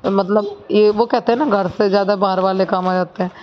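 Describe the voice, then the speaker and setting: A woman's voice: mid-range voice, fairly even intonation, a little fast, muffled recording. A young woman chatting casually while cooking in her home kitchen, rambling with many asides. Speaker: village vlogger.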